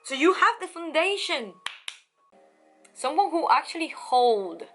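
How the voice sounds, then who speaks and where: Bright, excitable woman reading tarot. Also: high voice, unhurried, faint music behind. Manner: excitable, chatty, with frequent laughs and fillers; addresses the listener warmly and directly. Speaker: tarot reader. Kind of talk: casual tarot reading to camera.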